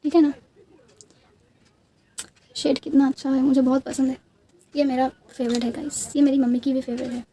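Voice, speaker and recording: Young woman, Bengali accent, native Bengali speaker; high, mellow voice; casual rambling beauty-vlog storytelling with restarts. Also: little pitch movement, moderate pace, long pauses, a little hiss or hum. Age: young adult. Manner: chatty, rambling, many restarts and fillers. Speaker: beauty vlogger.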